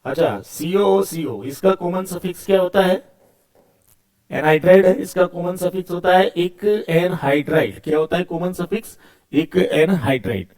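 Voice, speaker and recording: A male chemistry teacher, speaking in a somewhat high voice. He keeps asking questions and answering them himself, repeating key words as he goes. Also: moderate pace, a little mellow. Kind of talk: video lecture.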